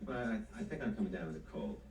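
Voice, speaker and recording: Dodgy nervous husband on old tv soap, stammers, rushes his words, mellow low-ish voice, hissy distant audio. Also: expressive. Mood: evasive, flustered. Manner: hesitant, stammering, evasive. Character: evasive, edgy husband dodging his wife's questions. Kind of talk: television soap opera acting. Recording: roomy, distant, hissy 1970s TV soundtrack.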